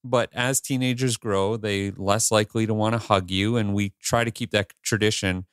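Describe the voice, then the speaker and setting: A man's voice: fairly low pitch, steady tone, moderate pace, clean tone, no echo. Brief: man in his forties, casual podcast co-host, clean resonant voice, dry close mic. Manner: candid, rambling with restarts and swearing. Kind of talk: casual chat.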